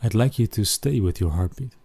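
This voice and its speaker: Soft and unhurried, a dark, low-voiced man narrates a guided relaxation as a sleep story would, leaving lengthy gaps after each short phrase. The audio is dry and closely recorded.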